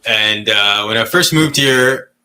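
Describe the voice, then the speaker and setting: A man's voice: fairly low pitch, slow, pushed and bright, clear, resonant tone. A man in his thirties from Malaysia, telling stories in a candid, rambling way as a podcast co-host in casual chat. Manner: candid, rambling storytelling with frequent swearing and laughs.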